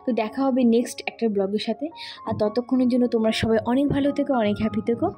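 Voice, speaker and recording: A quick, chatty woman talks viewers through her home cooking, her voice slightly hoarse and a bit high. Her tone is mellow and soft-edged. Faint music plays underneath her. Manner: chatty, talks straight to viewers with many fillers. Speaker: cooking vlogger. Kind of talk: casual cooking vlog narration. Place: home kitchen.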